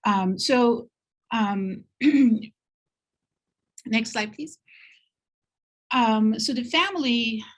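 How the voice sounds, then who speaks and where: With a fairly high, expressive voice, a middle-aged woman from Turkey talks through her slides at a university event. Her delivery is unhurried and reflective, dotted with frequent ums.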